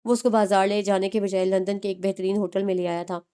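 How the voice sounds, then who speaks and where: A woman narrating a romance novel in a steady, expressive reading style. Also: medium pitch, quick pace, clean tone.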